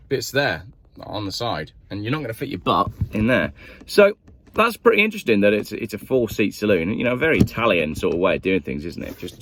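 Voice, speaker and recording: Going over a car's history and receipts, this reviewer chats and rambles in a relaxed vlog, frequently asking the audience questions. He has a lowish voice, and there's a little hiss or hum in the recording.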